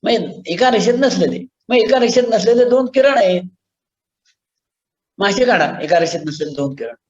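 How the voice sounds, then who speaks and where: Marathi-accented male teacher trainer, high voice, earnest explainer, echoey lo-fi room recording. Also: lively intonation, normal speed, a little mellow. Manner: earnest, explanatory, acts out classroom scenes. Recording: echoey room, dull lo-fi sound.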